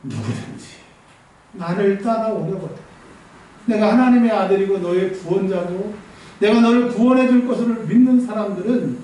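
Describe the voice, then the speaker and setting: A male pastor preaching an animated sermon in a church, acting out scolding voices and laughing often. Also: sits high, a little fast. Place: church sanctuary. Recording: very echoey hall, mic at a distance.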